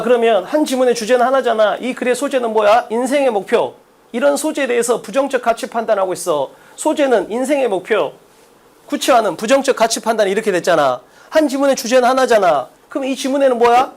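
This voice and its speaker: A man lecturing on exam English at a blackboard, blunt and brash, firing rhetorical questions at students. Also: very high voice. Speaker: English test-prep lecturer.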